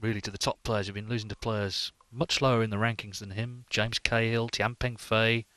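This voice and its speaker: A male snooker commentator with a clearly bright edge to a lowish voice. He gives analytical commentary, recorded close and dry. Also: little pitch movement, normal speed, dry recording.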